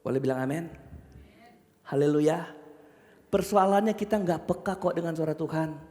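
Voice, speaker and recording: A man preaching a sermon, acting out the characters in his stories with loud, animated shouts and asking the congregation questions. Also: on the high side, moderate pace. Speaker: pastor. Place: church. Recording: church hall reverb.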